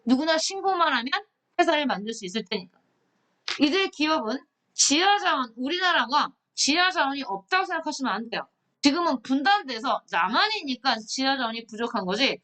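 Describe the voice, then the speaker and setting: A woman teaching a history lecture, lively and questioning, often asking her students to look and answer. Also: high voice. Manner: lively, asks students questions, reads captions aloud. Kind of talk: online lecture.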